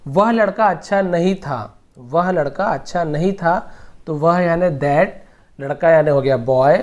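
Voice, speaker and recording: A man teaching English grammar, patiently repeating each example slowly word by word. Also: on the high side, darkish tone, muffled recording. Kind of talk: explaining grammar lesson.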